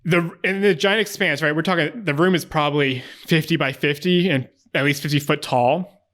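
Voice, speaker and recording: A man improvising narration as a tabletop game master, casual and descriptive, halting as he searches for words. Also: on the high side, a bit bright.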